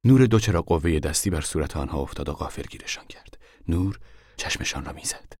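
A man narrating an audiobook in a measured way, sometimes dropping to a whisper in tense passages. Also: rumbling low, expressive, darkish tone, husky, no echo, studio quality.

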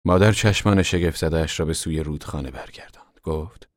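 A man narrating an audiobook in a measured, literary storytelling delivery. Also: very deep voice, dry recording, studio quality. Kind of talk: scripted narration.

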